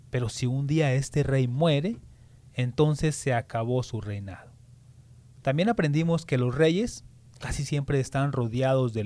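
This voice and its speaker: Guy hosting a kids radio show, explains stuff simply, average pitch, very dry sound. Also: a little mellow, no echo. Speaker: host of a children's radio program.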